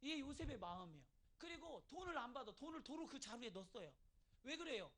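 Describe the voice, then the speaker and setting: A pastor preaching an evening sermon in a church, in a lively conversational style with frequent calls of amen. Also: male voice, extremely high pitch, fast. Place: church sanctuary.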